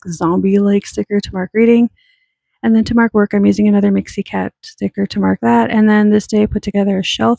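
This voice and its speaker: A woman's voice: medium pitch, gravelly, dark tone, no echo. A young woman from Canada, rambling and self-deprecating as she chats through a planner walkthrough. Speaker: planner vlogger.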